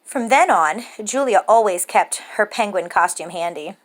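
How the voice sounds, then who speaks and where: With a medium pitch, a woman narrates a children's picture book for little listeners. The reading has a measured rhythm and expressive phrasing throughout.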